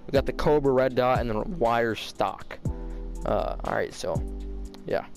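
A young gaming YouTuber gives casual video game commentary in an informal, slangy bro style. Tightened braces give him a slight lisp, and his mid-range voice moves at a measured pace. Soft music plays in the background.

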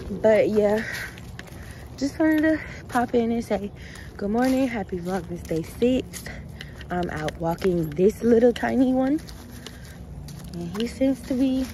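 A young woman chatting casually in a vlog, talking to her phone camera at home and on a walk. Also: mid-range voice. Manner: casual, laid-back, lively outbursts while gaming. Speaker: vlogger. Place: at home and outdoors walking a dog. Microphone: phone camera at arm's length. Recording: phone audio with wind noise outdoors.

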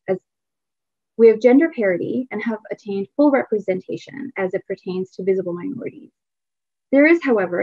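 Woman keynote speaker, measured formal delivery, dry close sound. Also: medium pitch, warm tone, slightly rough, dry recording, highs cut off. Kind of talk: prepared presentation.

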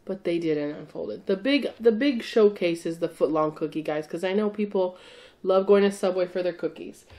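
A woman's voice: lowish voice, moderate pace, mellow. A woman hosting a food review show in an upbeat, chatty casual way. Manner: upbeat, chatty, talks over her co-host. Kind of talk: casual chat.

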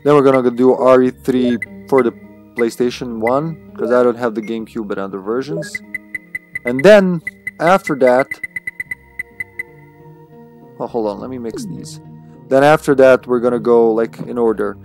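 Faint music runs behind a man from Serbia, a native Serbian speaker, as he livestreams a game and banters casually with chat, swearing playfully. He speaks at a normal speed in a mid-range, slightly mellow voice.

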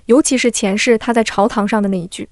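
A woman narrating a period romance audiobook as scripted narration, reading every character in one steady voice. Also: on the high side, fast, dry recording, studio quality.

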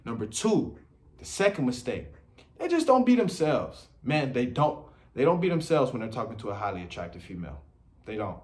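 A man talks straight to the camera, handing out blunt dating advice. He talks in casual slang, circles back to the same points, and keeps his voice at a middle pitch. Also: lively intonation, a little fast. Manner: blunt, repetitive, street slang. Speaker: dating commentator.

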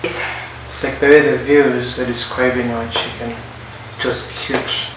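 A young man, giving quick, joking answers to his partner's couple questions in a casual vlog. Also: medium pitch, level tone. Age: young adult. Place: small living room, indoors. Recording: very echoey room with background hiss.

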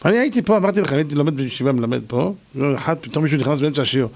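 A man, a rabbi, giving a lively Torah lecture, telling stories and acting out their characters. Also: on the high side. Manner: animated storytelling, acting out characters.

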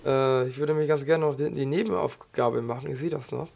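A slightly hoarse man giving casual, slangy let's play commentary while he plays, chatting loosely between moves. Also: medium pitch, fairly even intonation, brisk, darkish tone. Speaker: gaming channel host.

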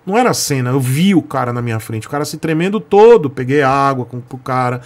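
A man's voice: medium pitch, animated, a little fast. A man in his forties with a Brazilian Portuguese accent, hosting his channel and telling a story to camera in an emphatic, repetitive way that speaks straight to his viewers. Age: 40s. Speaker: channel host.

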